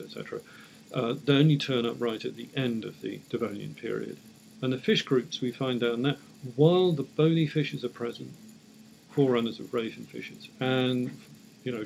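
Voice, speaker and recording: A man speaking as an academic expert in an interview, explaining off the cuff in measured, hesitant short phrases. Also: medium pitch, vocal fry, a little mellow, a little hiss or hum, rough recording. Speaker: academic paleontologist, interview guest.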